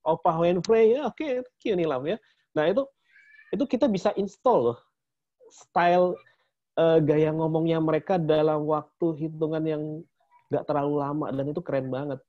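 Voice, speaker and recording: A man's voice: fairly high pitch, normal speed. A man co-hosting a casual promotional chat about a training, chatty and laughing often. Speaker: co-host of a training talk. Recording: dull lo-fi sound.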